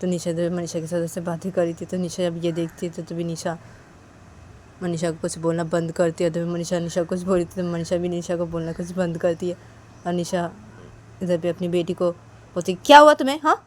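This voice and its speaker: Low-voiced woman narrating a story. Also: completely flat delivery, brisk, mellow, a little hiss or hum. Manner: plain, repetitive narrating.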